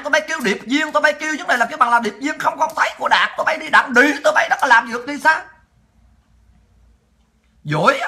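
A woman's voice: high-pitched, sharp tone. A woman hosting a political livestream, ranting angrily and taunting her critics with profanity. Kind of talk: angry ranting monologue.

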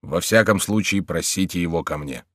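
A man's voice: low voice, moderate pace, no room sound, studio quality. A man voicing a fearful, melancholy king who speaks in a subdued, pleading way in an audiobook. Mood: weary.

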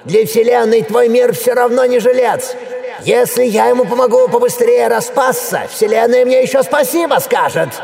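A man voicing an unseen, gloating male enemy with a thunderous, creaky voice that talks slowly and mockingly. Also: very high voice, darkish tone, long reverb tail, faint music behind, pitched above the performer's own voice.

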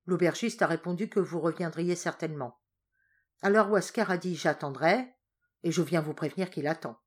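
Lady voicing a jumpy young guy, talking fast and worried, storybook reading. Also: on the low side, breathy edge. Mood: urgent. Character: pale agitated young man, impulsive.

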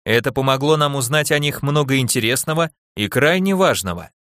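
A man voicing a calm, unflappable male alien ambassador in an audiobook, speaking in a measured, matter-of-fact way. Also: medium pitch, no room sound, studio quality, close to an everyday voice.

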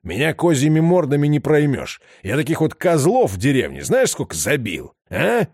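A man's voice: on the high side, huge pitch swings, normal speed, a little mellow, husky, dry recording, clean studio sound, pitched above the performer's own voice, full character voice. A man voicing a crude, aggressive heavyset man with a coarse, leering manner. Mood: furious. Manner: growling, aggressive. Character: crude menacing heavyset man, middle-aged.

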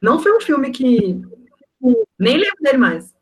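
A woman's voice: high-pitched, sing-song, unhurried. A Brazilian woman speaking frankly as a panelist in a casual roundtable chat. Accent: Brazilian Portuguese.

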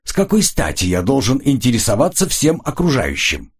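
A man's voice: mid-range voice, wildly swooping pitch, moderate pace, breathy edge, pitched above the performer's own voice, exaggerated voice. A man voicing a sullen, curt former agent who answers defensively in an audiobook.

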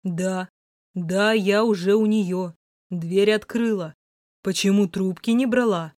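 A woman's voice: medium pitch, slow, a little mellow, no echo, clean studio sound, natural voice. A woman reading the lines of an insistent, blunt adult man in an audiobook, in terse, pressing questions.

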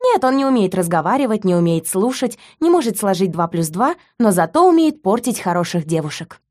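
A woman reading an audiobook, voicing a defiant young woman who talks in a sharp, high, mocking way. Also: big pitch swings, a little fast.

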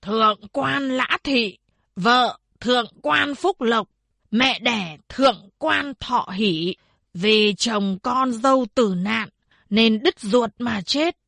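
Lady doing a bossy old town chief guy, barks and scolds, kinda husky, slow. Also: on the high side, fairly bright tone, no room sound, exaggerated voice. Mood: gruff. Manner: gruff, scolding, barking. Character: bullying older male town chief.

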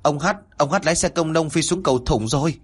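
Man doing a panicky young village guy, yelling high and urgent, kinda husky. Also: lively intonation, very fast. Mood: alarmed shouting. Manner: urgent, breathless shouting. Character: alarmed young village man shouting news.

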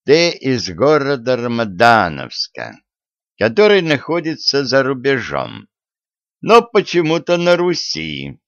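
A man voicing a gruff, imperious tsar who talks in archaic folksy speech, on a dull lo-fi recording. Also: medium pitch, a bit bright, no echo, heavily acted. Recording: dull, lo-fi dry audiobook.

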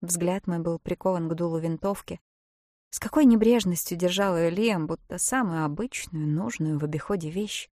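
Low-voiced woman reading an audiobook. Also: normal speed, no echo, studio quality. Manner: expressive reading, hushed at tense moments. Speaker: audiobook narrator. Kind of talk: scripted first-person narration.

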